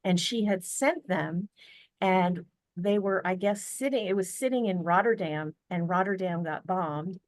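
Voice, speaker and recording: A woman's voice: fairly low pitch, unhurried, dry recording. Earnest chatty American woman on a video call. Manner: earnest, chatty, many fillers and restarts. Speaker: podcast guest. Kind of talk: casual storytelling interview.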